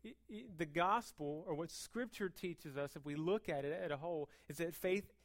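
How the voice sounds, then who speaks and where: In a deep voice, an American woman delivers a fast, informal sermon. She sounds conversational yet emphatic, circling back on repeated words and asking rhetorical questions.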